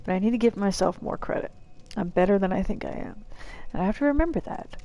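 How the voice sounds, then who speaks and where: A woman's voice: medium pitch, animated, quick pace, mellow, dull audio. A woman streaming a game live, swearing and exclaiming at it and chatting with her viewers. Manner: chats to viewers. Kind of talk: live gameplay commentary.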